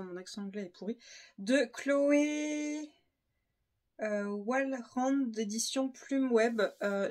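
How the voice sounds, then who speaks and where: A woman vlogger chatting casually about books she has read, enthusiastic and full of fillers and repeats. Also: on the high side. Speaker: book vlogger. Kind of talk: casual book review chat.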